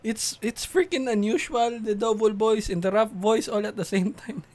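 A man's voice: high voice, normal speed, a little mellow. A man from the Philippines hosting a beatbox reaction video, exclaiming, laughing and swearing in disbelief as he reacts. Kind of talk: excited reaction commentary.

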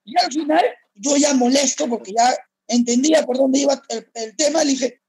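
A man, a former footballer, casually telling stories and filling his pauses with "este". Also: very high voice, dry recording, rough recording. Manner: relaxed, heavy use of fillers. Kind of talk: casual storytelling.

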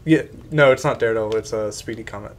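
A man's voice: on the low side, fast, slight background noise. A man hosting a casual let's-play, chatting playfully and slipping into sing-song sound effects. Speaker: gaming video host.

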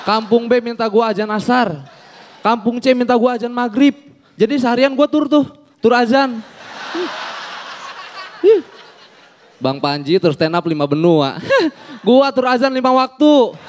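A young man performing an animated stand-up comedy set on stage, acting out the people in his stories. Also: very high voice, normal speed, a little hiss or hum. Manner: animated storytelling, acts out quoted people. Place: on a comedy stage before an audience.

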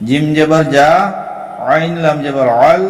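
A man teaching Quran recitation, spelling out each word letter by letter and then chanting it slowly and drawn out. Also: fairly high pitch, fairly even intonation. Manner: slow and deliberate, chants the words drawn out. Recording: echoey room with long reverb.

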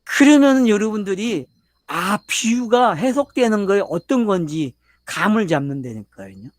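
Preaching a Bible lecture at normal speed, this older man has a high, very animated voice and no room sound. He constantly quizzes his audience and drives his points home with emphasis.

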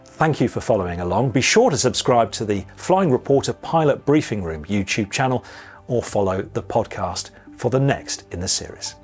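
A man's voice: on the low side, very animated, normal speed, faint music behind. British-based man presenting an aviation briefing. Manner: chatty, conversational, occasional wry asides. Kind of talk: scripted news briefing with asides.

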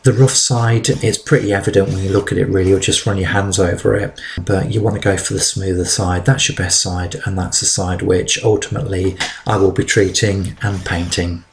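Middle-aged man, very low voice, casual step-by-step DIY narration, faint clicks behind. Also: normal speed, creaky, few pauses, a little hiss or hum. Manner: relaxed, practical, explaining with fillers. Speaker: DIY vlogger. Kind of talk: voice-over narration of a build.

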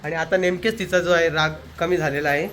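A man's voice: a little high, steady tone, a little fast, a bit bright. A man filming a casual family vlog, chatting and teasing his relatives while talking straight to his viewers. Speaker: family vlogger. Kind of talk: casual vlog chat to camera. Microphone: handheld camera.

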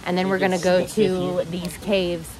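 A woman's voice: on the low side, level tone, a little slow, a crowd in the background. A woman vlogging casually while touring a house and garden, gushing and chatty. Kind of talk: casual vlog narration. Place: outdoors and indoors touring a house. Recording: noisy handheld camera audio.

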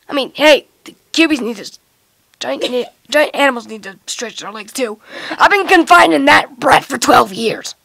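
A woman's voice: fairly high pitch, gravelly, fairly bright tone, husky, no echo, heavily acted. A young woman voicing a grumpy, defiant giant fox demon in a homemade plush-toy skit, complaining irritably. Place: small carpeted room at home.

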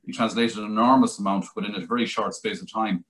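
Fast-talking and steady in tone, this middle-aged Irish translator and author has a fairly low, fairly bright voice. He speaks at length in a rambling video-call interview full of restarts and "you know," picked up by a webcam in a small plain-walled room.

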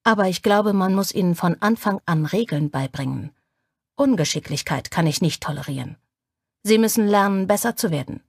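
A woman voicing a commanding, stern man in an audiobook, speaking slowly and with authority. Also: animated, creaky, breathy edge, no room sound, clean studio sound. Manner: slow, low and authoritative.

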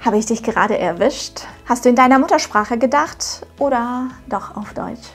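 A thirty-something woman who isn't a native German speaker hosts her own channel, teaching a scripted German lesson to camera from a home studio. Her voice is slightly high and a bit rough, her pace moderate, and soft music plays behind her. She's upbeat and encouraging, speaking straight to the viewer.

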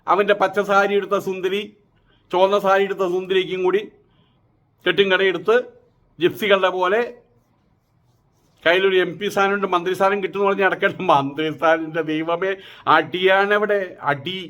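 A man's voice: sits high, little pitch movement, moderate pace, long pauses, fairly bright tone. A middle-aged man, giving a mocking political monologue and firing off rhetorical questions again and again. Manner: mocking, rhetorical, repeats his taunting questions. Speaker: political commentator.

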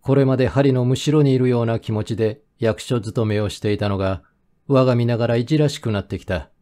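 A male audiobook narrator tells a first-person mystery in a steady, measured way. His voice is warm and dark, sitting at an ordinary middle pitch. The reading is calm and even, made for listening at night.

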